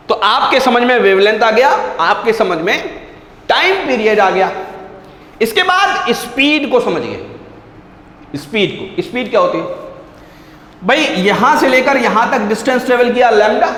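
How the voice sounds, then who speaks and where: Male physics teacher, high lively voice, explains step by step and checks understanding, echoey room with a long reverb. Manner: explains step by step and keeps asking if students understood; mixes English definitions into his explanations. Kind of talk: classroom-style lecture.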